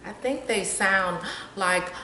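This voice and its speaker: An older woman reads a children's picture book aloud at storytime in a slow, bright, forceful mid-range voice, pointing out pictures and asking the young listeners questions. The recording sounds roomy, with a distant mic and faint noise.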